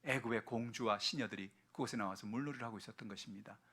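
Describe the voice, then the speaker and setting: A male pastor delivering a sermon with dramatic storytelling. His voice is bright and forceful, and he moves freely between hushed, intimate passages and loud, rousing calls. He sounds every bit the preacher working a congregation. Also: fairly low pitch, very fast, husky.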